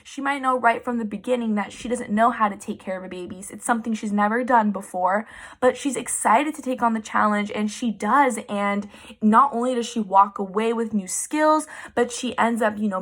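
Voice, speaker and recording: An upbeat woman giving a children's book report, reading the story aloud and then reflecting on it with enthusiasm. Her voice is a touch high. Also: normal speed, a bit bright.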